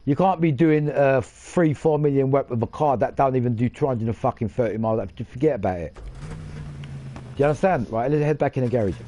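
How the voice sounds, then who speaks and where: Dark-voiced man rambling over gameplay. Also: mid-range voice, quick pace, hardly any pauses, a little hiss or hum. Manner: rambling, boastful, swears casually. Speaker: gaming channel host. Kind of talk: casual gaming commentary.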